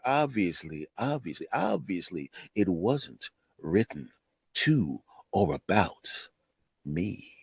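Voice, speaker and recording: Animated storyteller man in his fifties. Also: on the low side, husky, no echo. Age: 50s. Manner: animated, conversational, keeps asking "right?". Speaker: podcast host; retired stand-up comedian. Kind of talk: personal storytelling.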